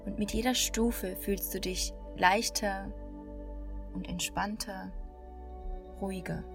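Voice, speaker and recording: A woman leads a guided meditation like a slow hypnotist. She speaks calmly in a mid-pitched voice, leaving long, soothing pauses between short phrases. New-age music plays clearly behind her.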